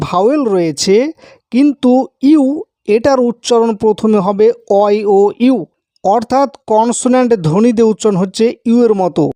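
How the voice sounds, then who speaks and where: Calm teacher with a mellow voice, dry sound. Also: medium pitch, no echo. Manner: slow, careful, repeating each rule. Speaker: English teacher. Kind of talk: explanatory grammar lesson.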